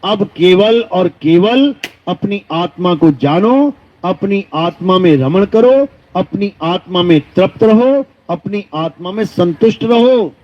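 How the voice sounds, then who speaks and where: A man giving a devotional discourse, reciting verses slowly and drawn out, then explaining them with rhetorical questions and emphatic repetition. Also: high voice, lively intonation. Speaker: spiritual preacher. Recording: dull lo-fi recording.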